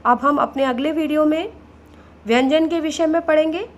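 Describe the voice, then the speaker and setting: A woman's voice: high voice, normal speed. A woman teacher giving a patient grammar lesson, repeating each word and addressing the children directly. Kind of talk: slow classroom explanation.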